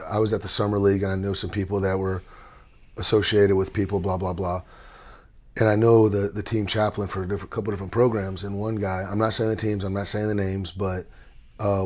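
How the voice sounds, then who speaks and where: A man's voice: fairly low pitch, little pitch movement, a little fast, darkish tone. A man hosting a casual podcast interview, telling stories in a chatty, playful way. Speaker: podcast host.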